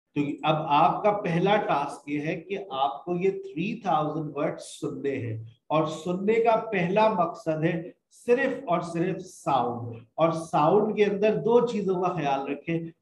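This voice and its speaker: Man, English teacher, slow patient lesson, echoey room. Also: on the high side, darkish tone. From Pakistan. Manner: explains patiently, mixes English phrases into his talk, addresses students as "beta".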